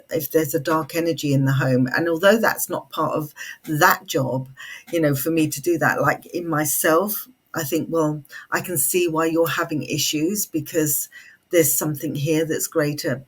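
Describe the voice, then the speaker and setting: A middle-aged British woman telling a personal ghost story in conversation, fireside storytelling with deliberate pauses and repeated phrases. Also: sits low, breathy edge. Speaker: guest, psychic storyteller and Feng Shui consultant.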